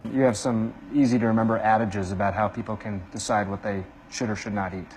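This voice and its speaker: A man's voice: fairly low pitch, steady tone, brisk, a little mellow, soft background music, low-quality recording. Probing male TV interviewer. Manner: probing, direct questions. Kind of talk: interview questions.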